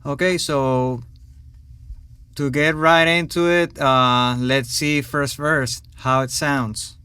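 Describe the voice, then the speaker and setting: A man hosting a home recording tutorial, talking casually with many pauses and fillers. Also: mid-range voice, clean tone, no echo. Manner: relaxed, hesitant, many fillers. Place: home studio.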